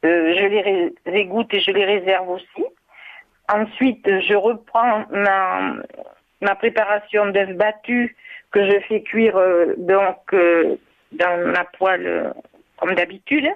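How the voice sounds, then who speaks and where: A woman from southwest France with a Bordeaux-area accent, calling in and explaining a recipe in a hesitant way, with many filler pauses. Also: mid-range voice, steady tone. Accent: Bordeaux-area French. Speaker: caller. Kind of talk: call-in recipe chat. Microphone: telephone. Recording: tinny phone line.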